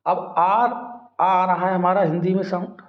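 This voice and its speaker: A man gives a grammar lesson at a slow, deliberate pace, repeating key words. His voice sits a little high for a man. It comes through a dull, lo-fi recording in an echoey room. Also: fairly even intonation. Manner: explains step by step, often asks questions back and repeats words. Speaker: English grammar teacher. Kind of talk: classroom-style grammar lesson.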